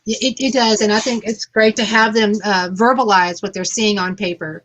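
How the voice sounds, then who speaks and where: A woman's voice: medium pitch, fairly even intonation, moderate pace, a bit bright, rough recording. A woman teacher adding points agreeably on a conference panel, with some fillers.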